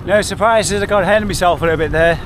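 A man's voice: sits high, fast, music in the background. A man in his forties talking casually to a camera on his bike as he rides outdoors on woodland trails. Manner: chatty, self-narrating while pedalling. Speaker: bikepacking vlogger. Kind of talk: casual ride commentary. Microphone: action camera on the bike.

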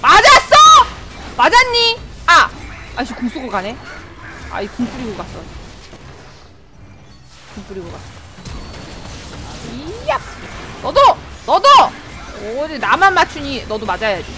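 A woman's voice: high voice, a little slow, long pauses, over music. A woman streaming a game live, talking through her plays, yelping and laughing at hits and kills. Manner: excitable, yelps and laughs at plays. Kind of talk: live gameplay commentary.

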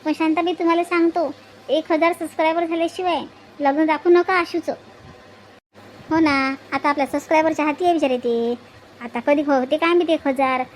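A woman's voice: high voice, steady tone, fairly quick, slight background noise. A woman with a Varhadi Marathi accent who runs a cartoon channel, casually coaxing viewers. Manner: chatty, coaxing.

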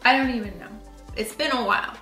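With soft music in the background of an echoey room, a woman co-hosts a casual home video, chatting with playful, wry jokes. Her voice is a little high, fast, bright and forceful.

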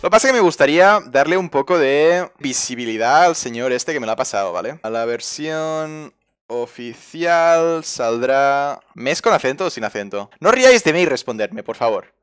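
A young man streaming a video game, chatting casually and excitably, swearing and reading on-screen text aloud. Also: mid-range voice, fast talker, faint music behind. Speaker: gaming streamer. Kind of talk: casual gameplay commentary.

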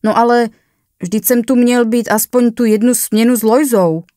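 A woman's voice: fairly high pitch, steady tone, warm tone, no room sound, clean studio sound, voice pushed up, natural voice. A woman voicing a nervous young man on his first night shift in a morgue, who speaks in startled, hesitant bursts.

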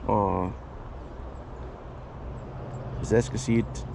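A fishing vlogger narrates his own trip at a lakeside in a chatty, rambling, self-correcting way, captured on a head-mounted action camera. His voice is on the low side and creaky, with fairly even intonation, over a noisy background.

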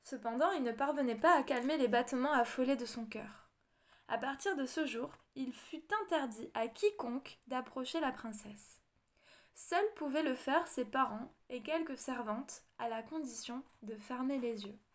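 A woman with a high voice for a female reads a storybook audiobook aloud. Her delivery is measured and expressive.

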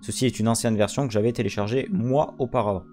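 A young man hosting a screen-recorded software tutorial, giving steady step-by-step instructions into a desktop microphone. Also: lowish voice, fast talker, faint music behind. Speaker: tutorial host.

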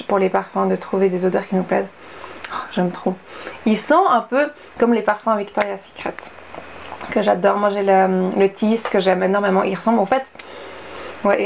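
Chatty young woman, slightly gravelly. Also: mid-range voice, slight background noise. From Switzerland. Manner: chatty, many fillers and asides. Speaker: beauty vlogger. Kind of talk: casual product review vlog.

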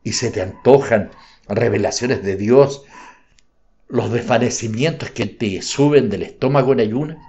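A man's voice: medium pitch, measured pace, darkish tone, natural voice. A man reading a bitter, sarcastic father. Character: stern troubled father, middle-aged man.

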